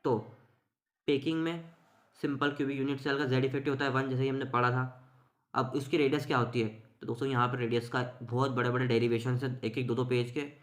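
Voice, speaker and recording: A man's voice: mid-range voice, level tone, fairly quick, echoey room. A man teaching an exam-focused chemistry lesson, explaining with everyday examples and mixing English terms.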